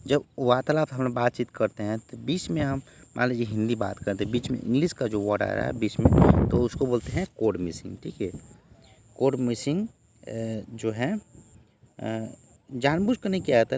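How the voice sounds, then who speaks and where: Guy tutoring through a study unit, gravelly voice, keeps saying theek hai, bit of hiss behind. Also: mid-range voice, darkish tone. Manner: repeats "theek hai" as a tic, acts out quoted lines. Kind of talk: exam-prep lesson walkthrough.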